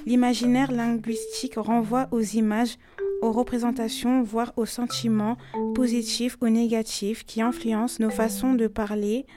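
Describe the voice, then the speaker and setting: A woman reading a definition aloud in a measured way. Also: a little high, level tone. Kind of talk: scripted narration. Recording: voice over marimba music.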